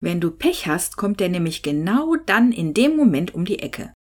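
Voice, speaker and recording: A woman voicing a sensible adult woman who speaks firmly and calmly. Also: on the low side, moderate pace. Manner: firm, level-headed.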